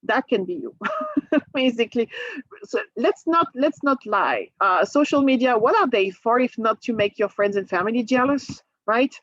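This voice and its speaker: A woman's voice: fairly high pitch, lively intonation, moderate pace, no echo, lo-fi sound. A woman with a French accent, a native French speaker from France, chatting through a cruise presentation, laughing often and restarting her words. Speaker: travel agent presenting a cruise. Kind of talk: casual presentation to a group.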